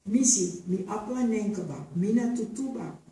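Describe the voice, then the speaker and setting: A woman's voice: medium pitch, moderate pace, mellow, pitched above the performer's own voice, lightly acted. A defiant young girl, as a woman reads her aloud. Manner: proud, rebellious outbursts. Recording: echoey theater hall from far off.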